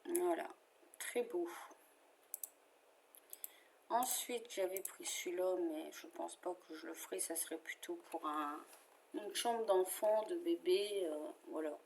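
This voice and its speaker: A woman with a French accent talks through her favorite cross-stitch patterns at an unhurried, unrushed pace. She is chatty and relaxed, with fillers and small asides as she goes. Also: on the low side, vocal fry, a little hiss or hum. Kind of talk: casual chat showing favorite patterns.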